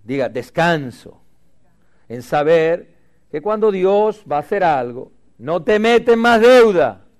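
Man, pastor, sermon, call-and-response, fairly high voice, loud-then-soft delivery. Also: sing-song, slow pace. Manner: call-and-response preaching, swinging between loud emphasis and quiet asides.

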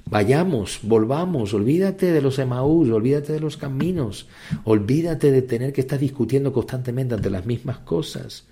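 A man's voice: animated, normal speed, dark tone. A man preaching a sermon with fervor, repeating phrases and rising into sudden emphatic peaks. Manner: impassioned, repetitive, with sudden high emphatic outbursts.

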